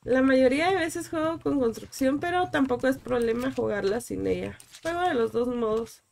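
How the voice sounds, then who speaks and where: Guatemalan woman streamer, gravelly voice. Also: sits high, normal speed, a little mellow. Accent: Guatemalan Spanish. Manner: friendly, greets and thanks viewers by name. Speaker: gaming streamer. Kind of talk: casual live-stream chat while playing.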